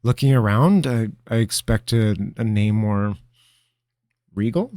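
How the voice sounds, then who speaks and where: A man's voice: on the low side, animated, a little slow, dark tone, no room sound, studio quality, pitched above the performer's own voice. A man voicing a nervous young male apprentice who stammers and speaks deferentially to his master. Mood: hesitant. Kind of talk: storybook character voice.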